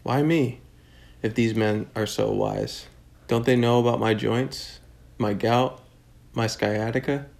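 A man's voice: mid-range voice, fairly even intonation, slow, vocal fry, a little mellow. A man voicing a grumbling, self-pitying old male camel in a read-aloud storybook. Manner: complaining, fussy, theatrical.

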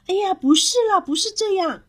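A woman's voice: sits high, unhurried, voice pushed up. A woman voicing an eager little boy who keeps showing off his drawing. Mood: disappointed. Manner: excited, insistent calling out.

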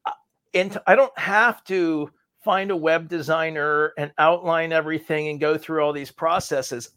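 Male interview guest, gravelly texture, dead-dry room, self-assured and wry. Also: on the high side, fairly bright tone, no echo. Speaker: guest, speaking coach. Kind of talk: conversational interview.

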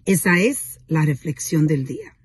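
A middle-aged woman sharing a personal reflection in an earnest, unhurried monologue with pauses and restarts. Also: sits low, very animated, breathy edge, dry recording, studio quality. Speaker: speaker sharing a daily reflection.

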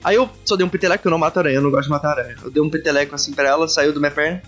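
A man's voice: a little high, fairly even intonation, very fast, a bit bright, soft background music. A man hosting a podcast, telling rambling, self-mocking stories in casual chat. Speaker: podcast host.

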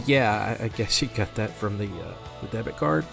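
A man's voice: lowish voice, animated, moderate pace, vocal fry, over music. A man voicing an awkward but friendly working guy who stammers a little and talks casually. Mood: sheepish. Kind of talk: amateur audio drama acting.

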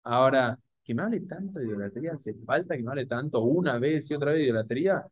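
A man with a Rioplatense Spanish accent giving a Torah class to an audience, animated and full of rhetorical questions. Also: mid-range voice, fast, dry recording. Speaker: rabbi or Torah teacher.

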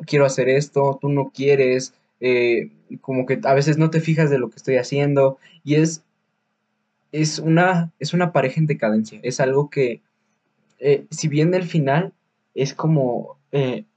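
Hosting a podcast, a man with a Mexican Spanish accent chats casually about films, circling his points with fillers, restarts and street slang. His husky voice sits at a middle pitch with a darkish tone, and the recording sounds dull and lo-fi.

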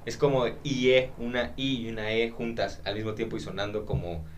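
A man with a Mexican Spanish accent, co-hosting a podcast in casual chat, slangy and animated, with frequent swearing and asides. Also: lowish voice, a little fast, slight background noise. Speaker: podcast co-host.

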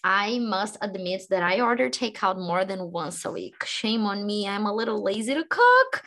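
Bright-voiced woman asking curious questions. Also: medium pitch, sing-song, moderate pace. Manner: curious, asks many follow-up questions. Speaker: English teacher. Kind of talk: casual conversation lesson.

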